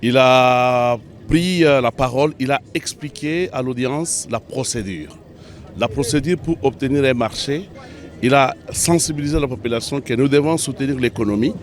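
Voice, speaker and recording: A man's voice: mid-range voice, moderate pace. A man, a conference attendee giving a hesitant street interview full of fillers.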